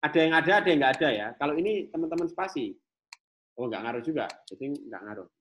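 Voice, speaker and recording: Animated Indonesian lecturer demonstrating code. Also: male voice, on the high side, fast, highs cut off, a little hiss or hum. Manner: repetitive, thinks aloud while demonstrating. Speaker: programming lecturer. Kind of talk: live class, explaining code on screen.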